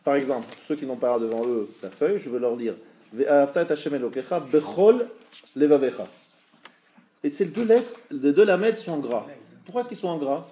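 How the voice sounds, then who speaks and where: A man teaching a live religious class, explaining patiently, checking with his students and sounding out words slowly to show them. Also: medium pitch, expressive, warm tone.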